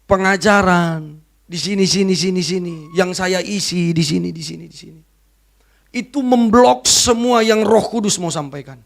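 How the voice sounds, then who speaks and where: A woman evangelist giving an emotional sermon testimony to a church congregation, swinging from loud to hushed. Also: lowish voice, normal speed, creaky. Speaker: evangelist preacher. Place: church service.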